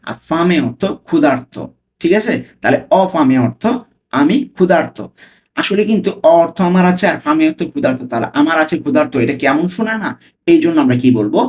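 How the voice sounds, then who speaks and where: Man slowly teaching phrases word by word. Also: on the high side. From Bangladesh. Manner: repeats phrases slowly word by word, checks in with "okay?". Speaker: language tutor. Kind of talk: spoken lesson, Italian phrases explained in Bengali.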